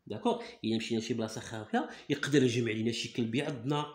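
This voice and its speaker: A man's voice: mid-range voice, very fast. A man with a Moroccan accent tutoring a child in reading, coaxing and repeating words to drill them. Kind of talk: reading lesson. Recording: echoey room.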